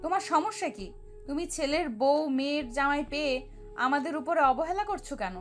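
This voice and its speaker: Woman doing a shrill hot-tempered young bride. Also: expressive, moderate pace, faint music behind. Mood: furious.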